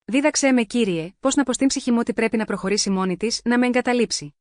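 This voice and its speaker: A woman's voice: a little high, darkish tone, no room sound, clean studio sound, lightly acted. A woman voicing a bereaved man who prays to God in anguish. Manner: anguished prayer.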